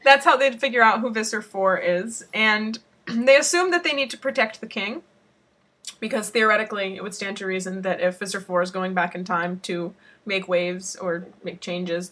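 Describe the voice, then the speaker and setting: A woman's voice: mid-range voice, brisk, a bit bright. A woman co-hosting a casual podcast, chatting about a book and thinking aloud with fillers. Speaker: podcast co-host.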